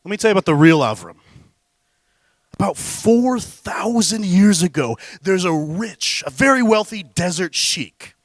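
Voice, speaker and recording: Male public speaker, dramatic storyteller, loud-to-hushed, slightly high, dry close sound. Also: big pitch swings, unhurried, dry recording. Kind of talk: storytelling speech on stage.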